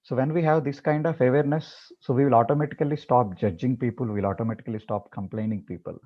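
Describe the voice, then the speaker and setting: A man teaching a meditation class, talking in a halting way with many repeated words and fillers before leading the practice. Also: medium pitch, fairly even intonation, dull audio. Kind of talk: talk before guided meditation.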